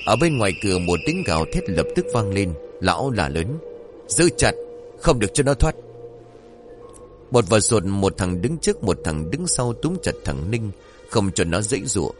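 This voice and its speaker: A man narrating a story in an expressive, dramatic way, with faint music behind. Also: on the low side, normal speed.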